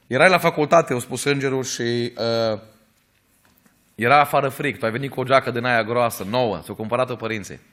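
A man preaching a sermon in an earnest storytelling way, rising at times to emphatic, louder peaks. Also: medium pitch.

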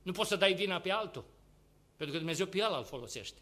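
A man preaching a sermon with passion, swinging between loud urging and hushed asides and firing rhetorical questions at the congregation. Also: high-pitched, expressive.

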